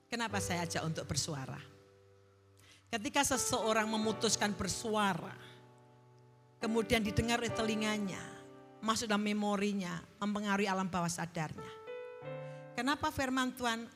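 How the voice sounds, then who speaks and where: A middle-aged woman preacher giving a sermon with a personal testimony, telling her story earnestly and leading the congregation in call-and-response. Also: a little high. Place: large church hall. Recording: church hall reverb, faint music.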